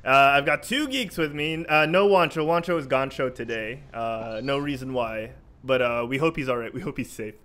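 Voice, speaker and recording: A man's voice: mid-range voice, moderate pace, few pauses, a bit bright. A man hosting a casual podcast, joking around and giving hyped-up announcer intros for his guests. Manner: playful, announcer-style hype intros. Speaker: podcast host. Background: faint background music.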